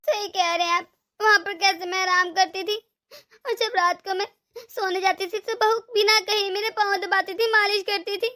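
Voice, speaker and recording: Woman voicing older mother-in-law, cartoon, tearful, pleading, very high. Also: steady tone, normal speed, pushed and bright. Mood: regretful. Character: remorseful older mother-in-law, once a scold. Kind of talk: cartoon voice acting.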